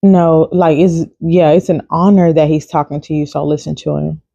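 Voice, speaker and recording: Woman, casual devotional vlog, mellow tone, dry close sound, chatty with fillers. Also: sits low, level tone, moderate pace, gravelly, dry recording, muffled recording. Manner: chatty and informal, many fillers. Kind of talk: casual devotional talk to camera.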